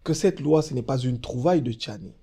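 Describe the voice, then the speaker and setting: A Congolese man with a Congolese French accent guests on a political talk show, emphatically explaining a law while mixing French and Lingala. His mid-range voice is dark and husky, animated and a little fast, and he repeats fillers when searching for words.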